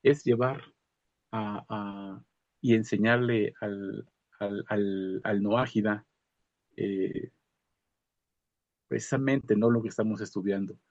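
A man gives a casual religious reflection to a study group, halting with many fillers and restarts. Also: lowish voice, fairly even intonation, darkish tone, no echo, muffled recording. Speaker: study group member giving a comment.

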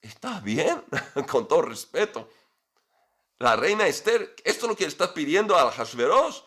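Male teacher, religious lesson, animated storytelling, rhetorical questions, slightly high voice, swooping intonation. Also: normal speed, husky.

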